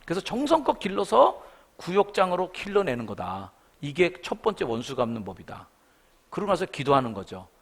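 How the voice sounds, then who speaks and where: A middle-aged man preaching a sermon in a church, his pitch leaping up and down as he tells stories. His voice sits a little high for a man, and he slips into the voices of the people he quotes. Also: fairly quick. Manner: animated storytelling, acting out quoted voices. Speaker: guest revival preacher. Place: church sanctuary.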